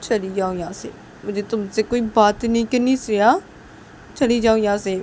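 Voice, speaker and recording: A woman voicing a young woman who is deeply hurt and furious at her partner, speaking in a tearful, repetitive voice that keeps rising. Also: fairly even intonation, normal speed, darkish tone, slight background noise, natural voice. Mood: dismissive.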